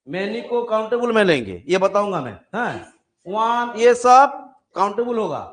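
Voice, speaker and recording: A man with a notably high voice teaches a live grammar class. He works through examples one at a time, stretching out each term. He keeps checking whether students follow. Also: lively intonation. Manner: explains step by step, lists examples slowly, frequent "haan" checks. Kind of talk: live coaching class lecture.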